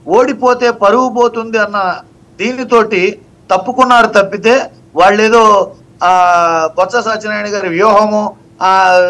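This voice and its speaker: A man's voice: high-pitched, pushed and bright, low-quality recording. A man speaking for his party on a live TV debate, emphatic and repeating phrases to drive his point. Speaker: party spokesman panelist.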